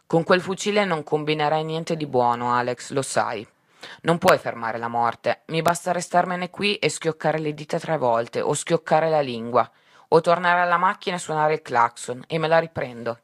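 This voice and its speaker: A man reading aloud and voicing Death as a calm, courteous, patient male reaper. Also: on the high side, moderate pace, no echo, studio quality, lightly acted.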